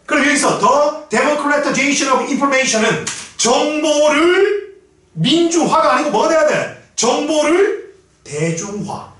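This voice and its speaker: Man, English teacher, classroom lecture, blunt, profane, high bright voice, echoey distant classroom. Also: sing-song, takes it slowly. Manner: blunt, profane, shouting at times, drills pronunciation. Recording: very echoey room from far off.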